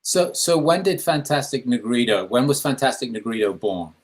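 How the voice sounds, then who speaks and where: A male host guides the interview with calm questions. He restarts his sentences with small repeats, and his voice sits at an average pitch. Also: moderate pace.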